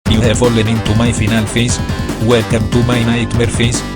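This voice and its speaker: A man's voice: medium pitch, completely flat delivery, moderate pace, over loud music, natural voice. A man voicing a smug male computer virus villain who taunts and makes escalating threats in a comedy skit. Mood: menacing.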